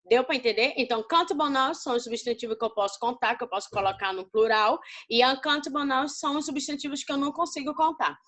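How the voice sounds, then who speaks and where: A Brazilian woman teaching an English lesson to students, explaining slowly and often checking whether they understand. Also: high-pitched, a bit bright. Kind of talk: recorded class lesson.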